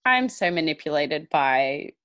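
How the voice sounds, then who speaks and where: An animated woman chats casually as a podcast co-host, her pitch leaping and swooping as she gets excited. Her voice is close and dry, with no room sound around it, and she laughs often. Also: measured pace, no room sound. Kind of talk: casual chat reviewing a TV competition.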